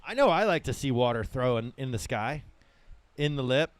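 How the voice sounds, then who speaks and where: A man's voice: mid-range voice, lively intonation, moderate pace, no room sound. A man chatting casually as co-commentator at a surf contest, with laid-back surfer slang. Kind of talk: casual live commentary chat.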